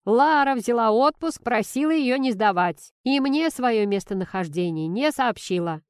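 A woman's voice: fairly high pitch, lively intonation, moderate pace, clean tone, no room sound, clean studio sound, pitched above the performer's own voice, natural voice. A woman reading a storybook, voicing a middle-aged male boss who drawls and answers evasively. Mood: irritated, curt. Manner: drawling, mocking, curt.

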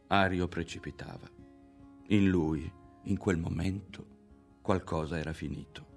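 A man narrating a literary novel in a measured, expressive audiobook reading. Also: low voice. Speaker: audiobook reader.

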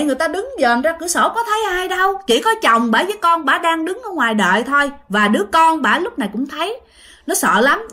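A woman's voice: high voice, sharp tone. A woman with a Southern Vietnamese accent telling a ghost story casually, chatting directly to her listeners.

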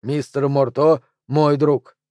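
A man reading an audiobook, voicing a calm and polite [name] impersonator who speaks gently. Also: medium pitch, slow pace, dry recording, clean studio sound, natural voice. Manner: gentle, courteous.

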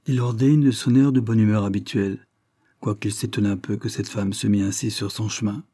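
A man reading a novel aloud as an audiobook narrator, in a steady storytelling manner. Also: lowish voice, a little fast, slightly rough, dry recording, studio quality. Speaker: audiobook reader.

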